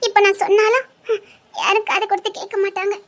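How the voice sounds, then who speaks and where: A woman's voice: very high voice, fairly even intonation, fast, a bit bright. A woman voicing a frightened young woman on the run in an audio drama, speaking with a Tirunelveli Tamil accent in an anxious, pleading way that often sounds close to tears.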